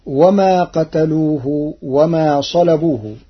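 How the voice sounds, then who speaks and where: A man teaching Quranic recitation rules in a measured, methodical way, quoting each verse slowly and drawn out. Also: a little high, husky, muffled recording.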